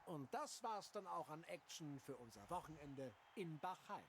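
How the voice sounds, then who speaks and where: A man playing an excited TV motor racing commentator in a video game, delivering scripted broadcast lines. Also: on the high side, moderate pace. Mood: enthusiastic. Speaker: sports commentator. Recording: very noisy, trackside ambience behind.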